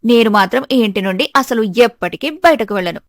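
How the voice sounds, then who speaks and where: A woman's voice: fairly high pitch, lively intonation, fairly quick, dry recording, studio quality. A woman voicing an earnest, wronged young daughter-in-law in a storybook tale. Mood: defiant. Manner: earnest, pleading.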